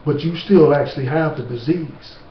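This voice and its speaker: A man giving an informal lecture to camera, slow and emphatic, with blunt street-talk asides. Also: a little high. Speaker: speaker on natural remedies. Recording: distant, roomy, dull with faint hiss.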